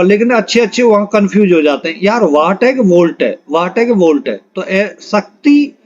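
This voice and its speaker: Through a dull, lo-fi microphone, a high-pitched exam-prep physics teacher reads questions and options aloud in a Q&A lesson. His manner is instructional, repeating both questions and answers to drive them home.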